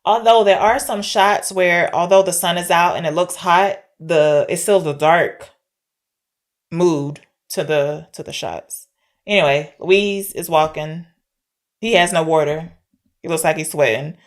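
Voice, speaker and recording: A woman with a lowish voice speaks at a measured pace. She's co-hosting a podcast, casually retelling a film's plot and thinking aloud as she goes.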